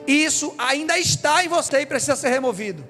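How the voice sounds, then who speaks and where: Brazilian male preacher, high voice, impassioned sermon with emphatic repeats, guitar playing underneath. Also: animated, fairly quick. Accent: Brazilian Portuguese. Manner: impassioned storytelling, building to emphatic repetition. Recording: preaching over guitar music. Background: soft guitar music.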